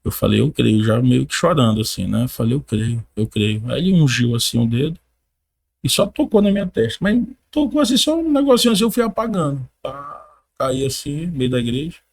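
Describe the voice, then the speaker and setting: A man's voice: a little high, sing-song, a little fast, creaky. A young man from Brazil, a podcast guest animatedly telling a personal testimony, often laughing and calling the listener "cara".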